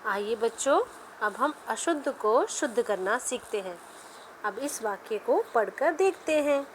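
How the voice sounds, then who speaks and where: Slow, careful woman narrating a lesson. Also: on the high side, slight background noise, rough recording. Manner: slow, even, careful pronunciation drills.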